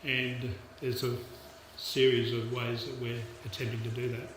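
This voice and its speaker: An Australian man in his sixties speaks to a gathering in a reflective, halting manner. His medium-pitched voice is heard from away from the mic in a heavily reverberant space, with faint noise behind it. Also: level tone, a bit bright. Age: 60s. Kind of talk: informal public speech. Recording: echoey hall, distant mic, background noise.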